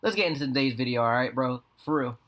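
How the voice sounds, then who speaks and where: A man's voice: mid-range voice, lively intonation, fast, a bit bright. A young American man telling a story in a casual vlog, rambling and slangy with plenty of swearing. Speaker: video creator. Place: apartment room with a fan running. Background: fan hum.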